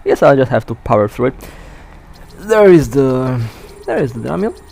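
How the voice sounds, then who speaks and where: Guy with hiccups talking thru his space game run, gravelly voice, keeps restarting words. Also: medium pitch, sing-song, normal speed, darkish tone, slight background noise. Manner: casual, chatty, self-correcting. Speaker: mobile space game player. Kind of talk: live gameplay commentary.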